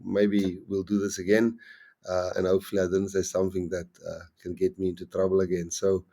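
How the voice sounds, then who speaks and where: A middle-aged rugby coach from South Africa talks casually on a live stream in a strong Afrikaans accent. His voice sits low with a dark tone and a completely flat delivery, and he rambles, halts and keeps restarting sentences.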